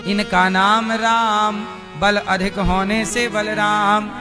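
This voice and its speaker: A man's voice: high voice, flat delivery, extremely slow. A man preaching a devotional sermon, often questioning the audience and chanting verses. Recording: live hall with music behind.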